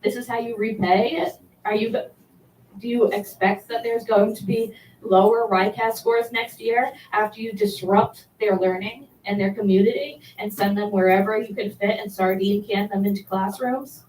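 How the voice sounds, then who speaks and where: A woman teacher speaks at a public meeting with halting, impassioned words and frequent restarts. Her voice sits at an ordinary pitch. It carries through a roomy, reverberant hall from some distance off the mic, with a faint hiss underneath. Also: steady tone, darkish tone. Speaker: elementary school teacher giving public comment. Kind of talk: public comment at a board meeting.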